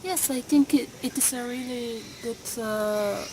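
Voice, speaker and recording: A woman of twenty-two, a student answering interview questions slowly, pausing often on fillers. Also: fairly high pitch, a little mellow. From Bulgaria. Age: 20s. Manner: hesitant, many pauses and fillers. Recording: noisy background.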